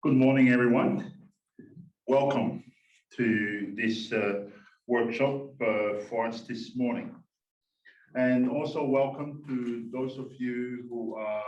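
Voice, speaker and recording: A man from Tonga, a church minister, giving a formal welcome and introducing a speaker, pausing often with "uh". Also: mid-range voice, a little mellow, echoey room, distant mic, dull audio. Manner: slow and measured, many "uh" pauses. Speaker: minister and workshop host.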